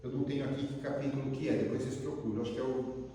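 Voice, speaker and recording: A man's voice: mid-range voice, rapid-fire, distant mic, slight background noise. Man with a Brazilian accent lecturing in a hall. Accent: Brazilian Portuguese. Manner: lively storyteller, asks the audience questions. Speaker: lecturer at a spiritist center. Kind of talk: spiritist lecture with storytelling. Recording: echoey hall, voice from afar.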